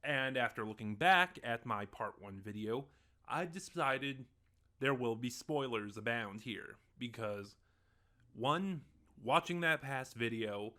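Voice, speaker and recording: A man hosts an unscripted online review of audio dramas, speaking casually, hesitantly, and often correcting himself as he rambles. His mid-range voice is animated but slow, with a sharp tone.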